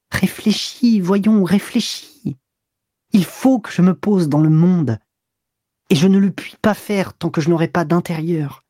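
A woman reads as a young man pleading with his lover in a storybook, his voice slipping into husky whispers. The delivery is slow and mellow, close and dry. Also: extremely low pitch, dry recording, heavily acted.

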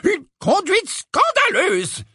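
Flustered elderly professor, scandalized and slow, voiced by a male reader. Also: very high voice, wildly swooping pitch, pushed and bright, dry recording, clean studio sound, pitched above the performer's own voice, full character voice.

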